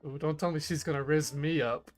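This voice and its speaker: A woman's voice: low-pitched, steady tone, a little fast. A woman giving casual, playful live reaction commentary as a game streamer, joking along. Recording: game music behind the voice.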